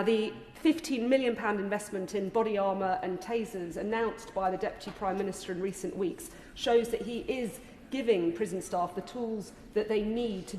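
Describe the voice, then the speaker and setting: A woman's voice: medium pitch, darkish tone. Woman mp making an earnest formal speech, big echoey chamber, bit of room noise. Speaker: member of parliament giving a speech. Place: large debating chamber indoors. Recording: echoey hall, distant reverb, noisy ambience.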